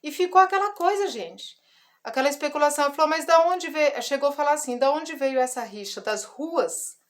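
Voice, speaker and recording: A woman's voice: high voice, lively intonation, fairly quick. A woman in her forties gives a personal testimony in a casual vlog, telling a story with emotion and acting out the dialogue. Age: 40s. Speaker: ministry vlogger.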